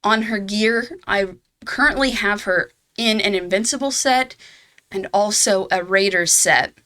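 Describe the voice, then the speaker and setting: A woman's voice: mid-range voice, measured pace, bright, forceful tone. A woman hosting her own game guide video, talking casually and laughing at herself now and then. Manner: chatty, laughs at herself, fillers. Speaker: gaming channel host.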